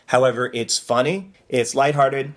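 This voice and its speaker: A man's voice: mid-range voice, fairly even intonation, moderate pace. A man from Ohio, a podcast co-host, talking casually and enthusiastically about movies and laughing often.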